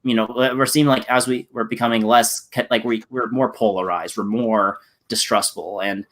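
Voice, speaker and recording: A man's voice: fairly low pitch, fairly even intonation, moderate pace, fairly bright tone. Rambling man talking politics. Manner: rambling, many restarts and fillers. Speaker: channel host in a discussion. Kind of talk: casual political discussion.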